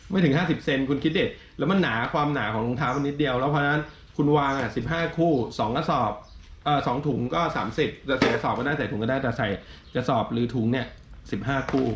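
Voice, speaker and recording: A man's voice: medium pitch, slight background noise. A middle-aged man, a shoe seller, giving blunt, coarse advice in casual chat. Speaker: second-hand shoe seller and co-host. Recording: roomy, slightly dull sound.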